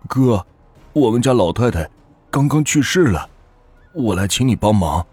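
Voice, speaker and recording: Man doing sad village guy pleading for help, quiet tearful tone. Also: medium pitch, expressive, normal speed, breathy edge, no echo, soft background music. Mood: grieving. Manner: pleading, subdued.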